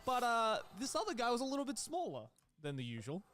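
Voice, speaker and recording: Lively man telling a story. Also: very high voice, fast. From Australia. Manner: animated storytelling, swears freely. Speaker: streamer. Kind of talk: casual chat. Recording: music playing behind.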